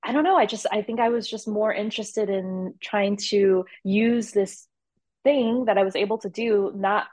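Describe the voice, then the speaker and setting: A young adult woman, a cellist, talking in a casual interview with a rambling, animated manner, frequent fillers and laughter. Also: medium pitch, normal speed, dry recording.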